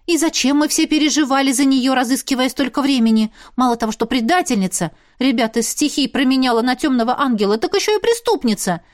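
A woman voicing a mocking teenage girl, high and loud. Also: fast talker, few pauses, lightly acted. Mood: indignant. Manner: exclaiming, mocking, high and animated. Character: teasing, lively teenage girl, sharp-tongued younger sister. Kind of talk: audiobook character voice.

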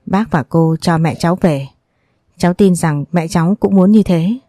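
A woman's voice: lowish voice, moderate pace, warm tone, no room sound, clean studio sound, lightly acted. A woman voicing a grieving teenage girl who pleads tearfully with her dying mother. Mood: earnest.

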